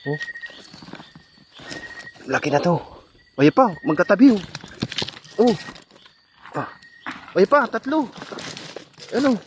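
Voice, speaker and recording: A man vlogging outdoors at night, his voice sitting a little high as he eagerly calls out each find and urges his companion on. Faint birdsong and clicking sounds carry in the background. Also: noisy background. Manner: excited, calls out finds and directs a companion. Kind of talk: casual outdoor vlog narration. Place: outdoors at night among trees.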